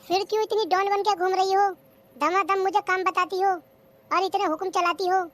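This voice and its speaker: Sassy young cartoon daughter-in-law. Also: female voice, very high-pitched, moderate pace, noisy background. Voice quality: sassy, talks back. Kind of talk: cartoon comedy dialogue.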